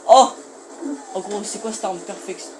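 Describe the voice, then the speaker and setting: A man's voice: high voice, a little slow. A teenage boy chatting in slang while he plays a shooter and comments on it. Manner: slangy, rambling, excitable. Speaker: gaming YouTuber. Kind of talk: casual gameplay commentary. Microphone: phone filming the screen. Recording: faint room noise, phone recording.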